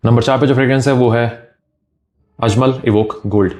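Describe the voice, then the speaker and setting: A man's voice: mid-range voice, fairly even intonation, moderate pace, darkish tone. A man reviewing fragrances in a vlog, talking with eager enthusiasm and switching freely between Hindi and English.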